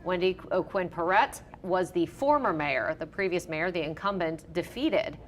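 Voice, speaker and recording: A woman's voice: on the low side, moderate pace, a little hiss or hum. A woman anchoring live election results, steering the discussion in an organized way. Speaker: news anchor hosting election coverage.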